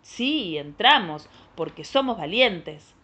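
A woman voicing three brave little children in a storybook reading, chanting their lines loud and proud. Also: mid-range voice, very animated, takes it slowly. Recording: dull lo-fi recording.

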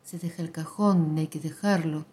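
A woman giving a quiet, restrained literary reading. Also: deep voice, fairly even intonation, moderate pace. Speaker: narrator.

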